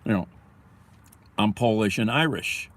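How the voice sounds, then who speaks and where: A man's voice: lowish voice, lively intonation, unhurried, fairly bright tone. A man hosting a livestream from his car, reacting with profane, rambling, angry commentary. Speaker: livestream host.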